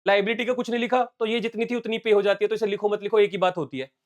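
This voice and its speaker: A man with a high voice teaches accounts on a live stream. He works the numbers aloud step by step and mixes English terms into his talk. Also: fairly even intonation, rapid-fire. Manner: explains step by step, calls viewers "beta" and "bachche". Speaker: commerce teacher. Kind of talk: solving exam questions on a live stream.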